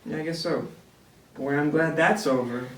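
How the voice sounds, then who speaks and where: A man's voice: fairly high pitch, moderate pace, close to an everyday voice. A man voicing a playful, friendly puppet named Simon in a church puppet skit. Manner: playful, easily startled. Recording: echoey room, distant mic, faint noise.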